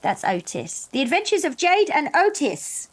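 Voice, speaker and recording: A woman with a high voice, big pitch swings and a moderate pace hosts an online book launch over a video call. She chats playfully, teases the audience, and admits she's a stickler for the rules. The sound comes through a video call mic.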